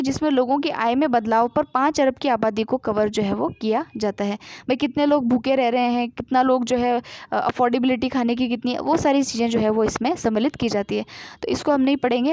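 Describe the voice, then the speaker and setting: An Indian woman with a high, darkish voice teaches current affairs to exam students, reading each news item aloud and then explaining it in simple asides full of fillers. The sound is close and dry, with no room echo.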